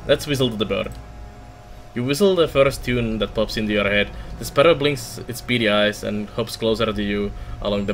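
Low-voiced man reading game text aloud. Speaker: gaming let's player.

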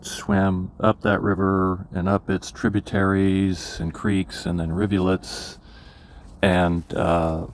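A man's voice: sits low, little pitch movement, takes it slowly, a little hiss or hum. An older man from California telling stories from his life in a rambling way, with many fillers and restarts. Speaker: memoir vlogger. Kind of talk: casual personal storytelling.

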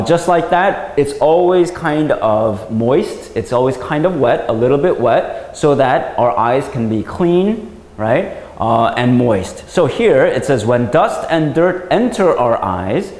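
A man's voice: medium pitch, darkish tone. A man giving a patient science lesson for children, checking often with "right?" as he explains. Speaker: English teacher. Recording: roomy recording with long reverb.

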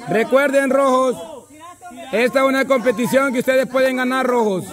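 Man, very high pitch, commanding, repeats his calls, outdoors by water. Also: fairly even intonation, normal speed, a crowd in the background. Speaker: event organizer calling a rope-crossing contest. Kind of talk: live instructions to teams outdoors.

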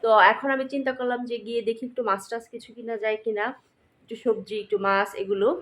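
A woman vlogger speaks with a Narsingdi Bengali accent in a slightly high voice. She chats casually and apologetically to her viewers, mixing English words into her talk. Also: steady tone, quick pace, fairly bright tone. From Narsingdi, Bangladesh. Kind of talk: casual vlog chat to viewers.

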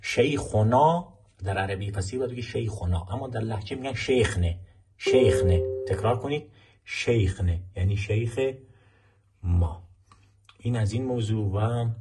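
Male teacher, deep and raspy; explains clips, repeats phrases slowly for drills. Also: mellow. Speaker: Arabic language teacher. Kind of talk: explaining film clips in a language lesson.

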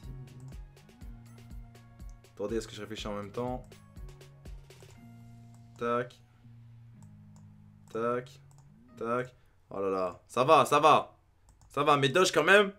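A young man commentating his own game as a gaming youtuber, thinking aloud and breaking into excited outbursts. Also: mid-range voice, takes it slowly, pauses often, soft background music. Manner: excitable, talks to himself, sudden outbursts.

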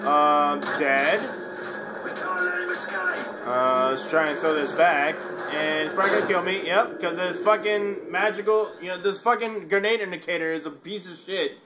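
A man giving frustrated, swearing commentary while playing a shooter game, with loud outbursts. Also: high voice, fairly quick, hardly any pauses, low-quality recording. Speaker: gamer. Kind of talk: gameplay commentary. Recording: loud game sound behind.

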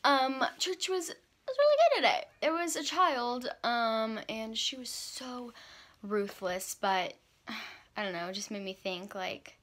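Young woman vlogger, unhurried and higher-voiced, casual and chatty on a handheld camera. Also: sharp tone, no echo. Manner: chatty, upbeat, filler-heavy. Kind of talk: casual vlog chat. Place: outdoors walking, then store aisles.

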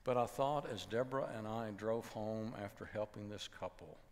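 A man's voice: lowish voice, normal speed. An older man preaching a sermon in a church, telling stories and acting out the voices of the people in them. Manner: animated storytelling, acting out voices in quotes, dropping to a hushed voice. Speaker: pastor. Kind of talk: sermon with storytelling. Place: large church sanctuary with choir behind. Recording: long hall reverb.

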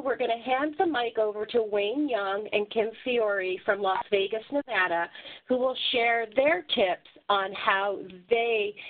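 A woman giving an informational webinar presentation in a hesitant, explanatory way as its moderator. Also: mid-range voice. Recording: muffled, narrow phone-like line.

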